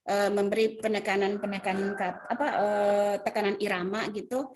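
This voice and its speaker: A woman's voice: medium pitch, steady tone, moderate pace, a little hiss or hum. A woman English teacher patiently explaining an assignment and its grading step by step, with many fillers and self-corrections. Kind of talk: recorded online class explanation.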